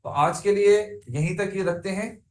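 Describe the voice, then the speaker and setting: Male teacher a high voice and tinged speech, drills a class repeated questions; roomy sound. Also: unhurried. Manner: asks students repeated questions, chants word forms. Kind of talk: classroom grammar lesson.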